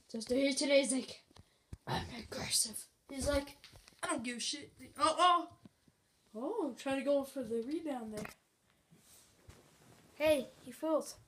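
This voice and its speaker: Woman, high voice, excitable mock sports commentary, home bedroom, faint background noise. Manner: excitable play-by-play, swings from mutters to yelps. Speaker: channel host filming pets.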